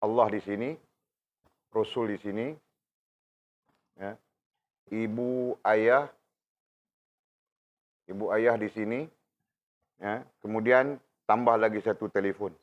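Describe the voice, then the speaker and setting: Man, religious teacher, lower voice, chatty questioning style, dull lo-fi recording. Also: fairly even intonation, slow, pauses often. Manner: conversational, questions students by name, frequent tag questions. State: unwell, in pain while talking. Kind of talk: informal religious class.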